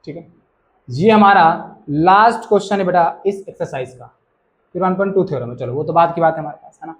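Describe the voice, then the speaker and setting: High-voiced man teaching maths, chatty. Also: fairly quick. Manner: casual, addresses students as bhaiya and beta, repeats key points. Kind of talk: classroom lesson explaining solutions.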